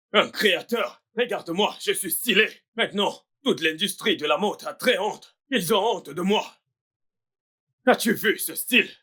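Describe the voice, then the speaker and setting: A man voices a boastful young fashion designer in a dubbed film drama, his husky, high voice ringing bright. He rants and threatens with wounded pride. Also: heavily acted. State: bleeding from the mouth after a beating. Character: vain hot-tempered young male fashion designer. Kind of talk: French dub of a film.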